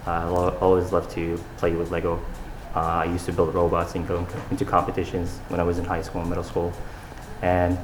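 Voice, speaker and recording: This young Saudi fashion designer, a guest in an interview, replies casually and earnestly, padding his speech with fillers and frequent restarts. His voice sits low. The recording is poor, made in an echoey room with slight background noise.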